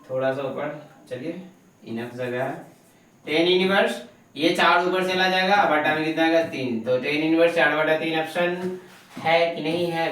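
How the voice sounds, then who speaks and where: A man leads an exam-prep math lesson in a fairly high voice. He keeps quizzing his students and answering himself. The mic sits well away in a very echoey room with a faint hiss. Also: fairly bright tone, recorded from a distance. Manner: asks himself questions and answers them, coaxing; fondly calls students "babu". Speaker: math teacher. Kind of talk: online exam-prep lecture.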